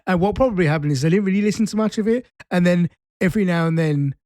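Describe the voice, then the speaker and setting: A man co-hosting a podcast in casual chat, animated, swearing freely and laughing often. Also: high voice, fast, no room sound, studio quality. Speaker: podcast co-host.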